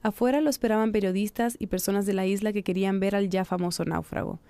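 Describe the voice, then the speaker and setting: Mellow-voiced woman narrating a documentary. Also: medium pitch, no echo. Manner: calm, measured storytelling. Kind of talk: scripted narration.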